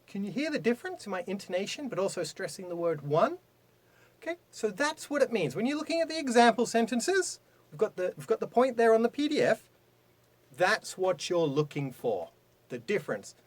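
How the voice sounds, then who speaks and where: A man teaching English idioms in a video lesson, talking emphatically with big swings in pitch and loudness. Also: sing-song, a little fast.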